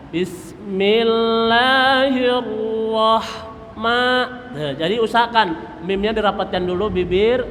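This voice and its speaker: A man's voice: sits high, a bit bright. A man teaching Quran recitation in a mosque, patiently drilling letter sounds and chanting verse examples. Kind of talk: tajwid lesson with chanted examples. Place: mosque hall. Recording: reverberant mosque hall, faint noise.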